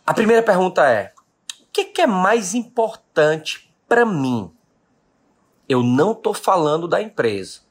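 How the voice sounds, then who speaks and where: A man's voice: high voice, very animated, unhurried, breathy edge. Late-30s brazilian guy doing a live business pep talk, keeps repeating his questions to the crowd. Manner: emphatic, repeats key questions, addresses audience as "gente". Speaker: business owner hosting a live stream.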